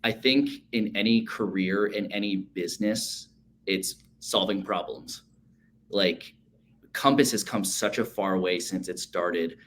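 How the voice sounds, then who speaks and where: Man, 30s, low voice, upbeat, casual, video call, faint background noise. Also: measured pace, fairly bright tone. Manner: upbeat, conversational, frequent fillers. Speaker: associate sales manager, guest.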